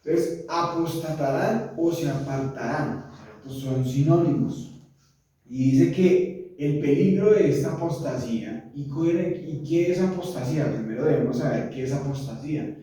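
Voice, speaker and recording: Slow-preaching man in an echoey hall. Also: on the high side, dark tone. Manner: slow, emphatic, lists words one by one. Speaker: pastor. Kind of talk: Bible teaching sermon. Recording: echoey room from far off.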